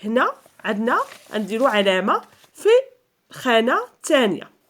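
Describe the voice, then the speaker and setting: Moroccan lady teacher, bouncy up and down voice, says each word slow and stretched then again, patient kids lesson. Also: fairly high pitch, very animated, fairly bright tone. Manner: stretches out example words slowly and repeats them; patient step-by-step explaining. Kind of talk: school lesson for young children.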